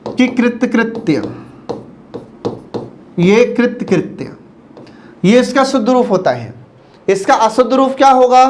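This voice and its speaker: A man teaching a spelling lesson. He says each word slowly and more than once, and keeps checking that the students follow. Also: extremely high pitch, a little hiss or hum. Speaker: Hindi teacher. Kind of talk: classroom lecture on word spelling.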